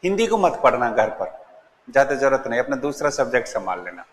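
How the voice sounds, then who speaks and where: Male grammar teacher at the front of a classroom, a lively voice that rises and falls a lot, asking the class questions and answering them himself. Recorded in a roomy, reverberant room. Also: medium pitch. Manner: repeats key words slowly for emphasis. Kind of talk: classroom lecture. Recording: echoey classroom with long reverb.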